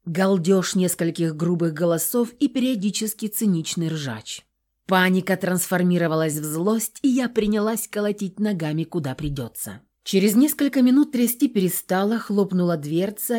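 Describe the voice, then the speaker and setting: A woman's voice: mid-range voice, warm tone. A woman narrating an audiobook in the first person, with a tense, dramatic delivery.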